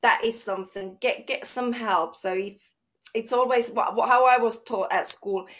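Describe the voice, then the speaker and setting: Here an outgoing Finnish fitness trainer in middle age, a native Finnish speaker, is a guest in a relaxed interview. Her voice runs on the high side and a bit bright, with fairly even intonation at a moderate pace. She chats freely and frequently starts her thoughts over.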